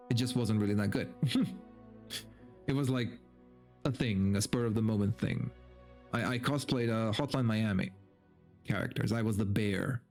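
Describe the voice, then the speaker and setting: A streamer with a lowish voice and darkish tone chats casually and rambles, swearing loosely, then reads a story dramatically. Background game music accompanies him.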